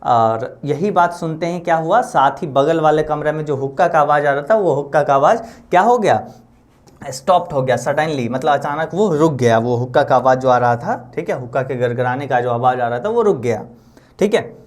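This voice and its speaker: A man's voice: fairly high pitch, moderate pace. A male English teacher walking students through a story line by line. He restates each point several times and keeps checking in with the listener as he goes. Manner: repetitive, checks in often with the listener. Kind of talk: line-by-line lesson explanation.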